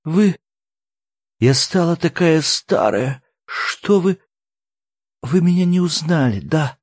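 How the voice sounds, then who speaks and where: Man putting on a sobbing aging woman, high and pleading, dry close sound. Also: expressive, extremely slow, a little mellow, husky, no echo, full character voice.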